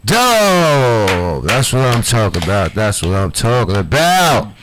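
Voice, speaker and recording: Over music, a very animated man with a mid-range voice speaks at a slow pace while hosting a livestream show. He's from Chicago, and his off-the-cuff banter is swaggering and profane, laced with street slang and a Chicago accent.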